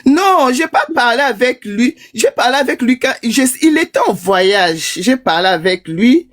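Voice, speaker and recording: A woman's voice: on the high side, lively intonation, measured pace. Chatty woman caller. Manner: chatty storytelling, laughing often. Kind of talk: call-in confession on a live stream.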